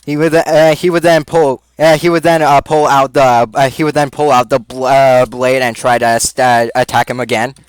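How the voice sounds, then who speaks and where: A man's voice: mid-range voice, steady tone, moderate pace, hardly any pauses, smooth, dry recording. A man playing a tabletop role-play game who describes his character's actions hesitantly, with many fillers and restarts. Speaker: player.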